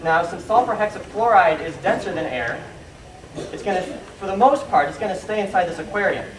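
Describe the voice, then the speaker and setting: A man with a high, expressive voice talks fairly quickly through an informal hands-on science demo for a young audience, explaining and posing questions to them. It's indoors with a live crowd, recorded on a distant, noisy camera mic in an echoey room.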